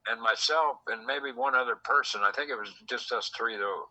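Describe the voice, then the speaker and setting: Guy with a real bright tone rambling thru a story, acts out the back and forth, secretly recorded chat. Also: mid-range voice, a little fast, highs cut off. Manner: rambling, quotes people in dialogue. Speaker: host. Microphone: secretly recorded conversation.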